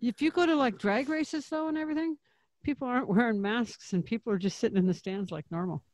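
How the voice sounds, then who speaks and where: A woman's voice: a little high, quick pace, darkish tone, no room sound. Blunt, joking woman podcast co-host. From Phoenix area, Arizona. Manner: joking, blunt, swears freely. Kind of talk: casual chat.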